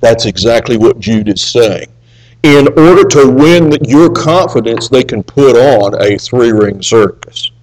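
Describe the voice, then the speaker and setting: A man preaching a sermon, reading scripture aloud and swinging between raised emphasis and hushed asides. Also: medium pitch, lively intonation, unhurried, poor audio.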